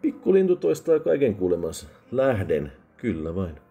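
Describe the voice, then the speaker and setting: A man doing a raspy drunk scarred soldier. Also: lowish voice, sing-song, dark tone, faint music behind, pitched above the performer's own voice, heavily acted. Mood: menacing, bitter. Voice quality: drunken rasp.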